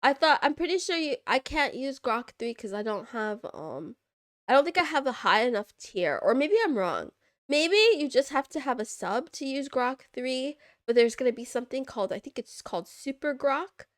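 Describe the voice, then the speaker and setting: A young woman VTuber streams and reads viewer messages in casual chat, playful and giggly with cat puns, her voice stuffy from congestion. Her high, animated voice moves at a moderate pace, captured in clean studio sound with no echo.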